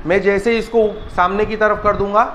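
High-voiced man demoing tools in an echoey shop. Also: steady tone, fairly quick, fairly bright tone. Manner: explains step by step, keeps telling viewers to look. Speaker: tool shop owner demonstrating a laser leveler. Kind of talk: casual product demonstration. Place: small tool shop room with shelves, indoors. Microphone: handheld camera filmed by another person. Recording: echoey room, slightly dull, faint noise.

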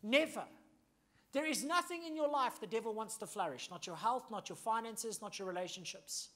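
A South African male pastor gives a punchy, emphatic sermon at a moderate pace, his voice sitting high. He swings from loud bursts to hushed asides and often asks "okay?" and "right?".

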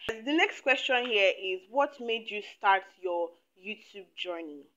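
A woman of twenty from Nigeria chatting to camera in a get-to-know-me video, animated and talkative, recorded indoors on a lapel mic. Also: medium pitch, unhurried, muffled recording. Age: 20s. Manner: chatty, animated, laughs often. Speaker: YouTuber. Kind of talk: casual chat to camera. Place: small indoor room.

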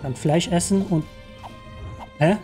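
Chatty German-speaking gamer, excitable. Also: male voice, fairly high pitch, takes it slowly. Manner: chatty, excitable, exclaims often. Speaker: let's play gamer. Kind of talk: live game commentary. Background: game music.

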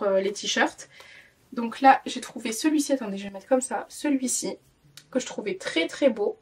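In a clothing haul vlog, a French parenting vlogger in her twenties sounds tired as she rambles along, full of fillers and false starts. Her voice is a little high and darkish, with a breathy edge, and it's picked up from a distance.

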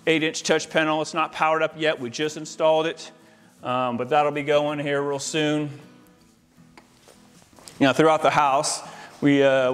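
This man's voice sits on the high side and is a bit bright, with a clear, resonant tone. He's an American in his forties, a home audio-video installer giving an enthusiastic, informal walk-through to camera inside a large, mostly empty house.

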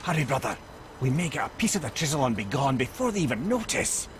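A man's voice: medium pitch, sing-song, fast talker, background noise, close to an everyday voice. An actor playing a taunting young male warrior, a villain in a video game, with a mocking manner. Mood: urgent. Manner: mocking, sneering. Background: loud game music.

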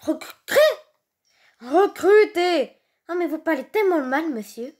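High-pitched woman, youthful, slow-paced, very animated, playful gaming role-play. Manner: playful play-acting, slangy, exclamatory. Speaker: gaming video creator voicing characters. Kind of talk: improvised role-play over video game footage. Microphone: handheld phone filming a screen.

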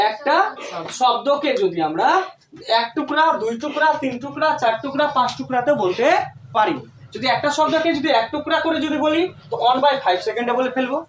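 Woman tutor, high voice, quizzing students, roomy echo, far from mic. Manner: explains with repeated questions to students. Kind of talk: classroom physics lesson. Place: tuition classroom. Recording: echoey room, distant mic, faint noise.

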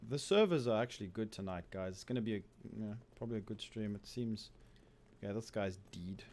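A man with a Zimbabwean accent giving casual, excitable live commentary on a game he plays, chatting with viewers. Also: fairly low pitch, a little fast, slight background noise. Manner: casual, excitable, laughs often, calls viewers bro. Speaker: streamer.

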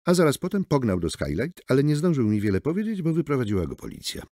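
A man's voice: mid-range voice, wildly swooping pitch, fast talker, dark tone, no room sound, clean studio sound, voice pushed up. A man voicing a brusque, mocking woman lawyer in an audiobook. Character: sharp-tongued sardonic woman lawyer. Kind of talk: audiobook character voice.

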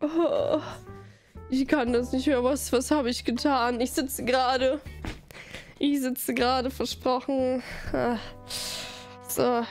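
A woman's voice: high-pitched, steady tone, takes it slowly, long pauses, a little mellow, faint music behind. A woman streamer chatting casually with her live audience, bubbly and giggly, rambling from one thing to the next.

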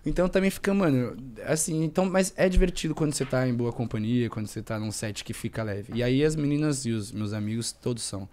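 A young man and actor, chatting casually as a podcast guest in a slangy, rambling, animated way. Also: medium pitch, fast, few pauses.

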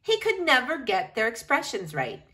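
Here a woman with a fairly high voice reads a picture book to children at normal speed. She's expressive and animated, speaking straight to the kids.

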